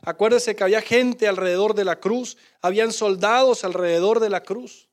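Man, pastor, sermon, very high voice, impassioned preaching, hushed quotes. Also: moderate pace. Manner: impassioned preaching, drops to a hush when quoting Jesus.

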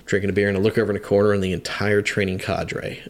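A man's voice: lowish voice, flat delivery, fast. A man in his fifties, a veteran firefighter, telling a long story in a podcast chat, rambling with hesitant restarts. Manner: rambling, hesitant, many restarts, acts out quotes. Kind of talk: conversational storytelling.

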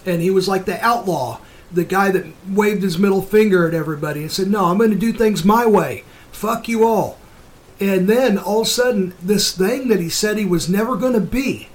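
High-voiced man, talk show host, opinionated, blunt, emphatic, casual swearing.

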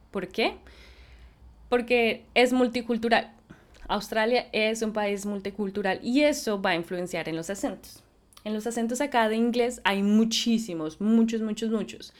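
A woman's voice: mid-range voice, darkish tone. A woman with a Colombian accent, talking casually to her viewers and dropping English words and phrases into her speech. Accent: Colombian Spanish. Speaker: vlogger. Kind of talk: casual talk to camera.

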